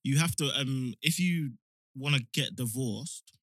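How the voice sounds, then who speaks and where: A young man with a London roadman accent chats casually and slangily, giving animated opinions like a podcast co-host. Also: medium pitch, a little slow, no echo. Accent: London roadman, multicultural London slang. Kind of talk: casual chat.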